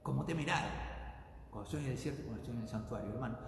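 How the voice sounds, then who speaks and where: A man preaching a sermon as pastor, swinging between loud bursts and hushed drops, often calling out to his brothers in the congregation. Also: mid-range voice, racing, creaky, slight background noise. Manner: repeatedly addresses the congregation as brothers. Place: church sanctuary. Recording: very echoey hall with long reverb.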